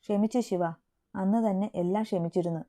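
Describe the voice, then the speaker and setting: Brief: woman voicing a loyal young man in an audio story, earnest and reproachful, very dark mellow tone. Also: medium pitch, steady tone, fairly quick, lightly acted. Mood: gentle. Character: young man, hurt but loyal brother figure.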